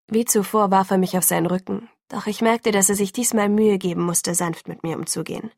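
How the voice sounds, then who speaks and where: A woman reading a novel aloud in the first person, in a soft, intimate audiobook narration. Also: medium pitch, steady tone, fairly quick, creaky, no echo, studio quality.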